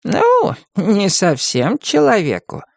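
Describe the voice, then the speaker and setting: A man's voice: sits high, wildly swooping pitch, takes it slowly, vocal fry, no echo, studio quality, voice pushed up, exaggerated voice. A man voicing a wry, strict ghost grandmother, over sixty, in a storybook reading. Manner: wry, stern, schoolmarmish.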